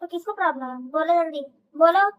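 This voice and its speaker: A woman's voice: very high-pitched, expressive, normal speed, lo-fi sound. A woman voicing a bossy young male company boss and doting husband in a fan audio drama. He gives orders bluntly and teases his wife. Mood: commanding.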